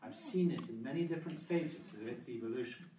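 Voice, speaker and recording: A man talking briskly on a discussion panel, peppering his points with casual asides. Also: mid-range voice, expressive, mellow. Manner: brisk, informal, many "you know" asides. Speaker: panel speaker. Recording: roomy hall, distant mic, noise.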